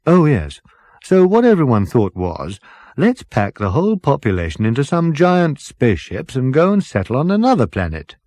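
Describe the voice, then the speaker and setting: For a comic science fiction audiobook, a man voices a genial, vague, dithering ship's captain, pitching above his own voice at a medium pitch with huge swings and normal speed. The tone is a little mellow with no room sound. The captain rambles cheerfully and hesitantly with chummy, polite upper-class manners, utterly unbothered.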